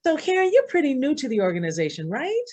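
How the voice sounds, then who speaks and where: An enthusiastic woman hosts a live online event, gushing with thanks and slightly out of breath. Her voice sits a bit high. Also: wildly swooping pitch, fast talker, darkish tone. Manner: enthusiastic, effusive. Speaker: event host.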